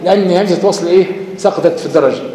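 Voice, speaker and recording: A man's voice: sits high, rapid-fire, mellow, a little hiss or hum. A man with an Egyptian accent teaching recitation rules, explaining step by step, asking his class rhetorical questions and chanting short verses as examples. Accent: Egyptian Arabic. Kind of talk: lecture on tajweed rules. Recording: echoey hall reverb.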